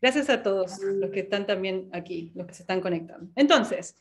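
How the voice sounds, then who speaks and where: Animated woman coaching a workshop. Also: mid-range voice, brisk. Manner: animated, asks many rhetorical questions, laughs often. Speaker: workshop facilitator.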